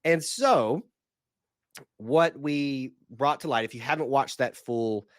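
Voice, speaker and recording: A man with a hoarse, sick-sounding voice, hosting a casual sports podcast in an energetic, rambling way. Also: medium pitch, takes it slowly, no room sound, clean studio sound. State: hoarse from a cold. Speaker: podcast host.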